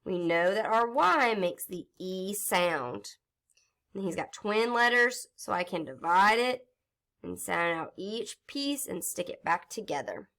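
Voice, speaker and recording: A woman teaching phonics to young children in a recorded lesson, speaking slowly and carefully. She sounds out each letter step by step and keeps an encouraging tone. Her pitch sits in the middle range. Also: lively intonation, a bit bright. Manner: encouraging, storybook read-aloud.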